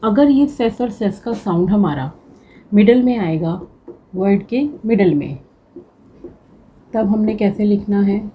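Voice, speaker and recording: Speaking in a mellow, medium-pitched voice, a woman explains shorthand slowly to a class, patiently repeating each word as a drill. It's a low-quality recording.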